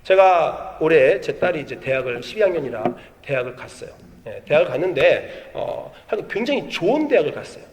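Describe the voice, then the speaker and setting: A middle-aged man preaching a sermon as pastor, telling stories with lively, acted-out quotes. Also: fairly high pitch, a little fast, hardly any pauses, background noise. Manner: animated storytelling, acts out quoted voices. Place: church sanctuary. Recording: long hall reverb.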